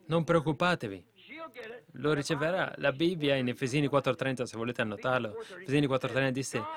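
A man preaching a fervent sermon to a congregation, building to loud exhortations. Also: mid-range voice.

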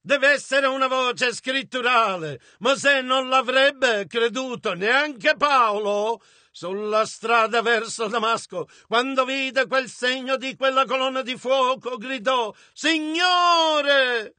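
A man interpreting a sermon with emphasis, at times breaking into shouts. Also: extremely high pitch, takes it slowly, no echo.

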